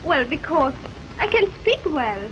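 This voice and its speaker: A flustered Czech-accented starlet, very high voice, dull hissy early talkie sound. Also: female voice, sing-song, a little slow. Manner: giggly, flustered. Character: flustered young actress.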